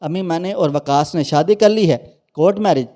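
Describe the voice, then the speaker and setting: A man's voice: fairly high pitch, dark tone, natural voice. A man voicing a headstrong young college girl in a narrated story, speaking lightly and plainly. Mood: firm.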